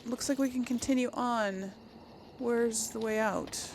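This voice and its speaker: A woman hosting a gaming video offers casual commentary, thinking aloud to viewers in short reactive remarks. Her voice is a little high, steady and unhurried, with a darkish tone. Game sound effects and ambience come through clearly behind her.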